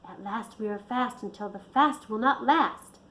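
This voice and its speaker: A woman's voice: on the high side, a little slow, fairly bright tone, dull audio. A woman voicing a young girl who leads her friends in chanting a rhyming spell, for a storybook reading. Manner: chanting a rhyme.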